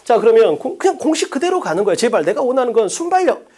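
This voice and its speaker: A man's voice: extremely high pitch, very animated, fast talker, a little mellow. A middle-aged man teaching English test strategy to students, lecturing with lots of rhetorical questions.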